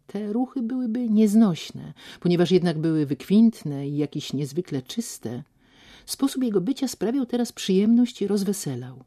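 A woman narrating a novel as an audiobook in a slow, expressive reading manner. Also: low voice, husky.

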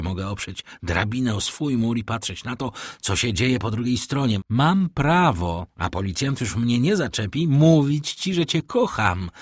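A man's voice: mid-range voice, no echo, studio quality, close to an everyday voice. A man voicing a devoted young man in love, reading his lines from a novel in a fervent, pleading way. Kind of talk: audiobook reading.

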